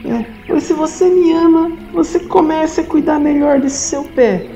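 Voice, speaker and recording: A woman voicing a dramatic, lovesick female frog who talks in shrill, melodramatic outbursts. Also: measured pace, warm tone, soft background music. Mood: scolding. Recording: roomy, dull lo-fi sound.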